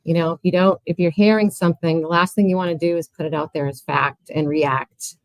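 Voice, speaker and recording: A woman's voice: fairly low pitch, fairly even intonation, fairly quick, no room sound, low-quality recording. A woman hosting a show in a casual, conversational style. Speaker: show host. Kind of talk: casual chat.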